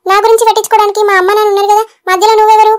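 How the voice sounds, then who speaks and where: A woman's voice: very high voice, level tone, very fast. A woman voicing a defiant young sister-in-law in a cartoon, curt and scolding.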